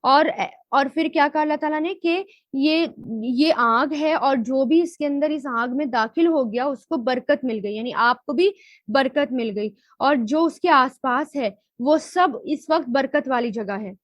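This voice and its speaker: High-voiced woman teaching a Quran lesson. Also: no echo. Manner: asks questions and answers them herself; slows to spell out Arabic word forms. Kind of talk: Quran grammar and tafseer lesson.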